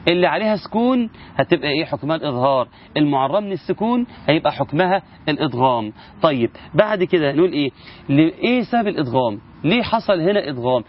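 Quick-talking Egyptian man teaching recitation. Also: on the high side, lo-fi sound. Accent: Egyptian Arabic. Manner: explains with rhetorical questions. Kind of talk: casual spoken lesson.

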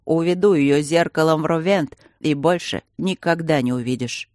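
A man voicing a menacing middle-aged rebel lord who barks threats in a loud, raised voice. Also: on the high side, normal speed, dry recording, clean studio sound, natural voice. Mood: threatening. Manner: barking, threatening.

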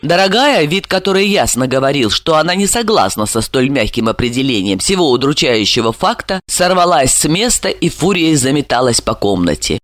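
A woman narrating a novel as an audiobook reader, measured and expressive. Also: low-pitched, no echo, studio quality. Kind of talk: scripted narration.

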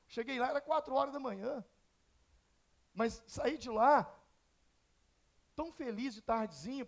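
A Brazilian man preaches from the pulpit with an unusually high, gravelly voice. He tells stories and plays out the dialogue himself, then turns to the congregation with pointed, emphatic questions. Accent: Brazilian Portuguese. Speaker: pastor. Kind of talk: sermon. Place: church.

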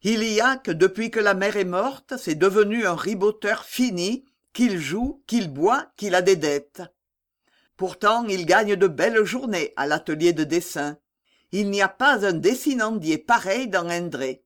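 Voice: medium pitch, lively intonation, measured pace, fairly bright tone. A reader voicing a worried, kindly middle-aged male fitter in a classic audiobook novel, talking in a sighing, confiding way. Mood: troubled.

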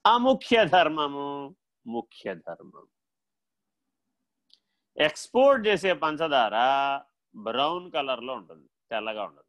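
A man giving a spiritual discourse, animated, swinging from loud rhetorical questions to quiet asides and acting out little dialogues in his own voice. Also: fairly high pitch, slow, pauses often. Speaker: spiritual teacher.

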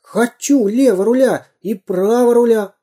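A storyteller voicing a timid, frightened little boy in a storybook reading, pleading in a high, plaintive voice. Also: slow pace, dark tone. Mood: eager. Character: scared little boy sailor, timid and tearful.

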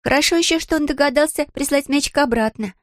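A cheerful young schoolgirl, played by a woman reader, speaks high and chirpy. The sound is dry and close to the mic. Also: fast talker, no room sound, natural voice.

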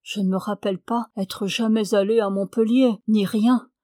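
A woman's voice: mid-range voice, fairly even intonation, normal speed, mellow, no echo, natural voice. A troubled amnesiac man, nervous and pleading, as a woman reads him in an audiobook. The sound is dry and close. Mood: anxious.

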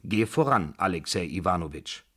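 A man with a low, husky voice reads a radio drama at normal speed, voicing a domineering grandmother of 75. He performs expressively, sounding bossy, scolding, and loud as she barks commands.

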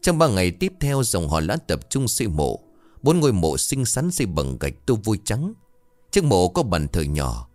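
A man tells a ghost story in a deep voice with wide, animated swings of pitch. His reading is dramatic and expressive. The sound is dry and close, over faint background music. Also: moderate pace, dry recording.

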